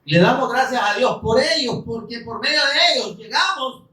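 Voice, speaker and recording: Animated high-voiced male preacher in echoey room. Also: moderate pace, far from the mic. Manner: animated preaching, swings from loud to soft, acts out complaints. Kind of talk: sermon.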